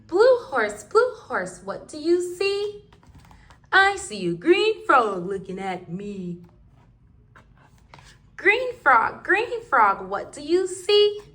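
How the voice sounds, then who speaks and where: A woman's voice: high voice, big pitch swings, slow, fairly bright tone. A woman reading rhyming picture books aloud to toddlers in a sing-song, rhythmic way. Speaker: children's book reader.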